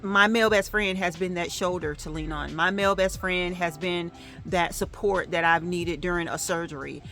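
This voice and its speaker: A middle-aged woman vlogs straight to camera in a loose, chatty storytelling voice. She pitches a little low and leans on fillers as she recounts her day. Faint music plays underneath. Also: moderate pace. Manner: chatty, animated retelling with fillers. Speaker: vlogger.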